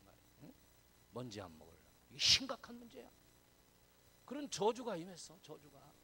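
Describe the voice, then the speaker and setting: Gravelly pastor, chatty and teasing. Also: male voice, on the high side, a little hiss or hum, poor audio. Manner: chatty, teasing, quizzes the congregation; drops to whispers, swells loud for emphasis. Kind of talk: conversational sermon.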